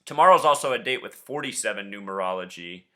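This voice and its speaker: An online host doing conspiracy commentary, this man is insistent and suspicious, questioning a caller confrontationally over the phone. His lowish voice is animated, fast, pushed and bright.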